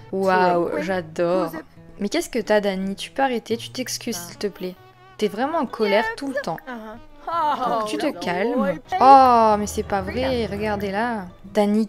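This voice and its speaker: A woman's voice: medium pitch, a little mellow. A woman hosting a let's play, chatting away and talking fondly to the characters in her game. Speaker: gaming channel host.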